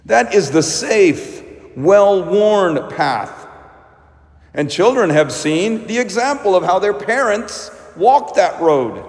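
Slow-speaking priest in a cathedral echo. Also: male voice, high-pitched. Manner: deliberate, measured preaching with pauses. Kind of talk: Gospel reading and homily. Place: large reverberant church. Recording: echoing church, long cathedral-like reverb.

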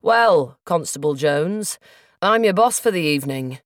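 A woman's voice: low voice, expressive, a little slow, no echo, studio quality. A woman voicing a stern, impatient female police inspector who talks in a clipped, sarcastic way. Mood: brusque.

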